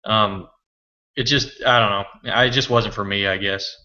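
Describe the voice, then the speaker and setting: A man's voice: lowish voice, steady tone, moderate pace, bright, forceful tone, highs cut off. A man chatting as a podcast guest, hesitant and trailing off with "I don't know". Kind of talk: casual chat.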